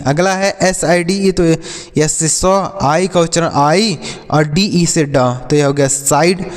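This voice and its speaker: A man teaching English pronunciation to children in a slow, repetitive way, spelling words out letter by letter. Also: fairly high pitch, in a large hall.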